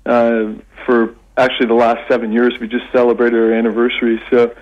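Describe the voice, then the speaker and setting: A Canadian man, middle-aged, talking as a phoned-in radio guest, halting with many restarts and fillers. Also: medium pitch, monotone, highs cut off. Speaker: radio guest, English lecturer.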